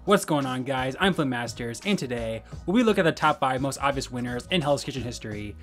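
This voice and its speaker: A man's voice: mid-range voice, expressive, quick pace, a bit bright, faint music behind. A man narrating a scripted video essay as its host.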